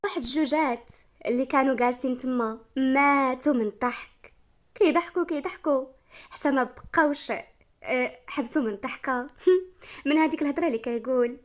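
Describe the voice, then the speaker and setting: A Moroccan woman reads a romance story aloud, expressive and lively. Her voice sits a bit higher than most women's. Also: fairly quick. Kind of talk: story narration.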